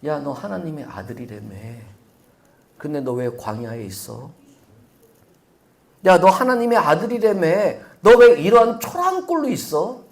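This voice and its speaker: A man's voice: mid-range voice, moderate pace, vocal fry, hardly any pauses, dark tone, natural voice. A man preaching who voices the tempter as a mocking, taunting male devil full of sarcastic jabs. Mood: sneering.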